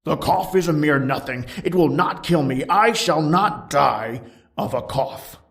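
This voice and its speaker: A man's voice: fairly high pitch, animated, a little slow, vocal fry, a bit bright, heavily acted. A man voicing a proud, drunken nobleman, boastful and dismissive, in a gothic horror story. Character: proud, drunken, coughing nobleman, scornful and stubborn.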